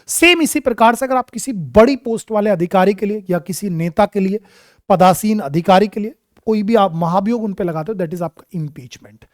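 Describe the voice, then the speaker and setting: A man's voice: sits high, no room sound. Male vocabulary teacher, fond and coaxing with students, quizzes them and answers himself, dry close recording. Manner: calls students "my child" and "darling", asks and answers his own questions; mixes English terms into quick Hindi explanations. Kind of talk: exam vocabulary lesson.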